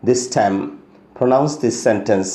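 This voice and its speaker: A man with a Bengali accent teaching English pronunciation in a video lesson, reading lines slowly for students to repeat. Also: mid-range voice, mellow, echoey room. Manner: slow, drawn-out model reading of English lines, quick explanations in between.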